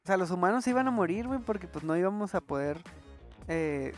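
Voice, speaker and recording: A woman's voice: lowish voice, animated, brisk, darkish tone, soft background music. A young woman with a Mexican accent chatting casually, full of street slang and swearing. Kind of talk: casual chat.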